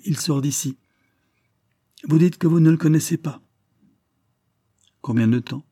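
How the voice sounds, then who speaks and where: A man's voice: medium pitch, dark tone, dry recording, pitched above the performer's own voice. A man reading a shrewd sardonic detective. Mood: brisk. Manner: dry, probing, lightly ironic.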